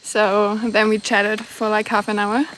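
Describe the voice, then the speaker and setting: A young woman talking casually to her camera while hiking a mountain trail outdoors, chatty and quick to laugh. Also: mid-range voice, flat delivery, a bit bright, poor audio. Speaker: travel vlogger. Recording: outdoor noise behind voice.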